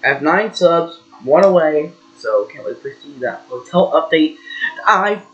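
A man's voice: a little high, moderate pace. Young male vlogger, rambling and hesitant, dull lo-fi mic. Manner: rambling, hesitant with many fillers. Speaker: gaming channel host. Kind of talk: casual vlog chat.

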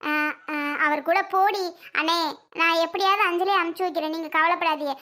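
A woman's voice: very high voice, fairly even intonation, fairly quick, sharp tone. A woman playing a young sister-in-law who pleads with and lectures a relative in a home-made family drama skit. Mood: pleading. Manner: pleading, lecturing, repeats herself.

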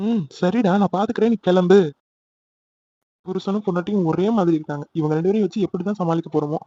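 Male voice for anxious cartoon big brother, rapid, warm-toned, lo-fi. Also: high-pitched, fairly even intonation, slight background noise, natural voice. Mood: fretful. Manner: fretful, placating. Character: fussing older brother and friend.

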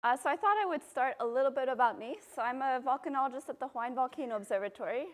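A volcanologist from Belgium giving a public talk, a woman explaining at a podium microphone in a university lecture room, relaxed, with frequent ums. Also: sits high, racing. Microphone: podium microphone, filmed from a far camera.

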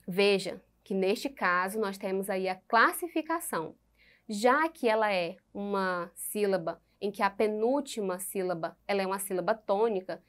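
A woman teacher with a Brazilian Portuguese accent giving a recorded school lesson, slow and patient, spelling out syllables and repeating words. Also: medium pitch.

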